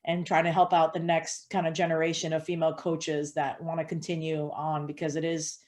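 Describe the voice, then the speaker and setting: Earnest, low-pitched woman softball coach. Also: fairly quick. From Hawaii. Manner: earnest, steady, with frequent fillers. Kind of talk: interview answers.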